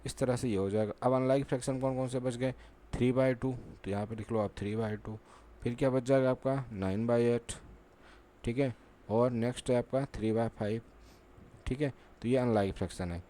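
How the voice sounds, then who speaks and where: Mellow and steady, this mid-range voice belongs to a man teaching a maths lesson at a board at a moderate pace. He is patient, repeats "ठीक है" often, and asks himself questions before answering them.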